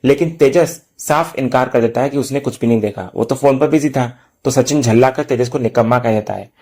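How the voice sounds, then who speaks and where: A man narrating a recap of a television serial episode, retelling each scene in a plain, steady storytelling way. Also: mid-range voice, a little fast.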